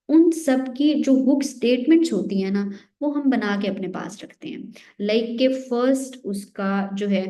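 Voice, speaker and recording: A young woman gives an exam-prep lecture in a fairly high voice. She walks through each point step by step, often posing a question and answering it herself. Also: dark tone. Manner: explains step by step, often asks and answers her own questions. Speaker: teacher.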